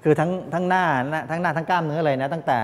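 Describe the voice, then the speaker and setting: An older man, a technical college lecturer, teaches students in a medium-sized indoor classroom, explaining haltingly in a steady tone and using frequent polite particles. The room is reverberant, with clear background noise and a low rumble.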